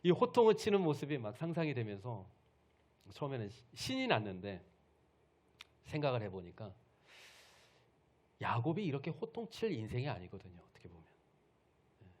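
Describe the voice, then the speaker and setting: Man, pastor, Sunday sermon, storytelling, asks the congregation questions, animated pitch. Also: normal speed, pauses often.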